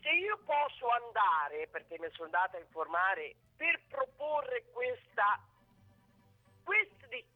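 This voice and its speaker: A woman's voice: a little high, big pitch swings, a little slow. A woman from Ancona with a local accent, calling in to a radio show and talking in an agitated, rambling way. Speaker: caller. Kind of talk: phone call to radio show. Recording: phone line.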